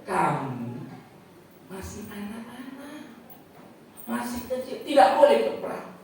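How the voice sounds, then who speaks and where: A man voicing a calm, gentle elder of authority, speaking low, soft and firm, in an echoey mosque hall heard from far off. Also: takes it slowly, a little hiss or hum, full character voice.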